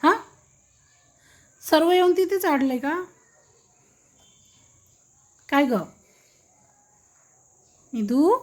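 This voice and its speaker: High-voiced woman coaxing a toddler. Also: very slow, pauses often. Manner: coaxing, repeats prompts in baby talk. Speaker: family member coaxing a toddler to talk. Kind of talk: home video talk to a baby. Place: indoors at home.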